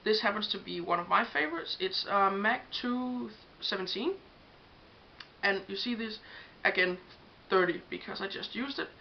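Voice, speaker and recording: A young Danish woman with a gravelly, medium-pitched voice walks through her makeup brushes at a normal speed, her Danish accent showing since English isn't her first language. As a makeup vlogger giving a casual beauty tutorial, she's chatty but hesitant, dropping many ums while she shows products. The home recording is dull and lo-fi, with a faint hiss.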